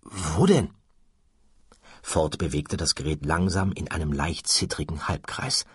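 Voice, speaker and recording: A man narrating an audiobook in an expressive, lively storytelling manner. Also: very deep voice, moderate pace, breathy edge, no room sound, clean studio sound. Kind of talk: scripted narration.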